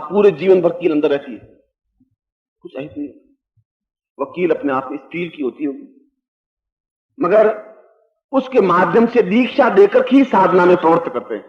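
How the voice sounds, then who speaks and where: An older man giving a spiritual discourse, explaining slowly and emphatically and chanting Sanskrit verses, recorded in a dull, echoey old hall. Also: on the high side. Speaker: spiritual teacher.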